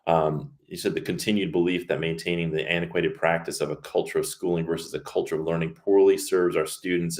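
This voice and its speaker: A man in his fifties hosting an interview, asking long, deliberate questions and affirming the guest's points. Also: low-pitched. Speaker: host. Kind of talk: conversational interview.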